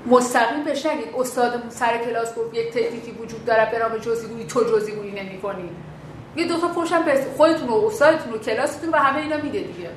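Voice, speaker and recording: زنی با صدای زیر در حال تدریس. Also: female voice, fairly high pitch. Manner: informal, acts out sample dialogues. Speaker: teacher of a relationship class. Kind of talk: class lecture. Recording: echoey room with faint ambient noise.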